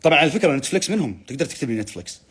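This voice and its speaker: Rapid-fire young man. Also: on the high side, very animated, fairly bright tone, breathy edge. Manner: chatty, teasing, reads comments aloud in bursts. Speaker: livestream host. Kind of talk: casual live chat reading comments.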